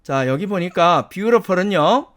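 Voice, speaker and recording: A man's voice: high voice, lively intonation, extremely slow, fairly bright tone. A man who speaks Korean as his first language gives a methodical lecture over slides, counting items aloud one by one as an English pronunciation teacher.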